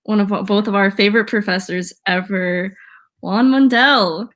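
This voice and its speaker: A woman's voice: medium pitch, fairly even intonation, moderate pace, fairly bright tone. A young woman in her twenties hosting an interview, friendly and affirming as she steers with questions. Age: 20s. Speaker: student host.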